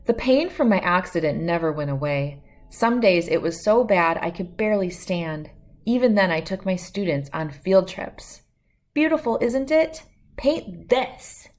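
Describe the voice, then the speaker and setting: Reading a picture book for children as a first-person tale, a woman narrates with expression and clean phrasing. Her pitch is fairly low and her pace moderate.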